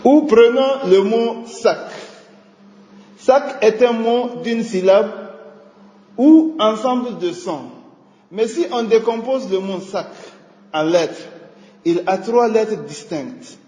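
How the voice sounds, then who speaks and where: A man with a high voice leads a scripted radio lesson, taking each word slowly and with care. His voice rings through an echoey hall with a long reverb tail. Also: animated, dark tone. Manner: slow, deliberate teaching delivery.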